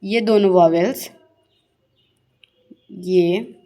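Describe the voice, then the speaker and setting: A woman teaching a shorthand lesson. She asks her pupils questions, answers them herself, and repeats the key words slowly. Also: medium pitch, mellow. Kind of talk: classroom-style shorthand lesson.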